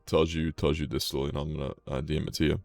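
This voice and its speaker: A man narrating as game master of a tabletop game over a voice call, relaxed with hesitant restarts. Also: rumbling low, fast talker, gravelly, soft background music.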